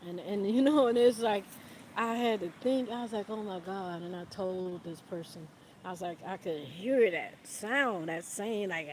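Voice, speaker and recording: A woman's voice: high-pitched, darkish tone. Rambling woman livestreaming outdoors. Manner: rambling, repeats "you know what I'm saying", calls listeners "baby". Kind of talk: casual rambling livestream talk. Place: outdoors in the wind. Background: light wind.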